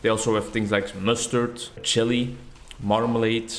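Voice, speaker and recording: This gaming YouTuber, a young man whose native language is Dutch and who comes from the Netherlands or Flanders, talks casually over his gameplay in a rambling, reflective, self-mocking way. He speaks a little slowly, with a lowish voice and level tone.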